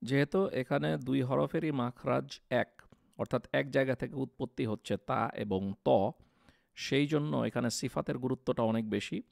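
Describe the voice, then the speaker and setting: A man teaching a tajweed lesson on Quran pronunciation, explaining patiently and drawing out the letters slowly to demonstrate them. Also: mid-range voice, vocal fry, a little mellow, no room sound, studio quality. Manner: slow, drawn-out demonstrations of Arabic letters.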